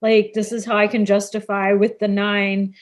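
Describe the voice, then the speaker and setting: Animated chatty woman co-host. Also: medium pitch, moderate pace. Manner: animated, laughs, filler-heavy. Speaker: podcast co-host. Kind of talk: casual chat.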